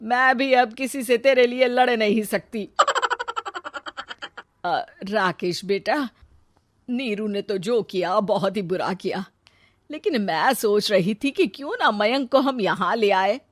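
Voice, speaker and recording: Storybook mother, voiced by a female reader: middle-aged, protective, mid-pitched, blunt, colloquial emphasis. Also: slow, no room sound, clean studio sound, close to an everyday voice. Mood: resigned.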